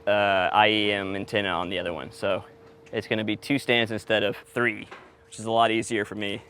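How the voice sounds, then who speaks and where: Here a host who doubles as sound engineer explains what he's doing on location, casually and with some teasing. His low-leaning voice is level and sharp, a little fast. The on-location audio carries clear background noise.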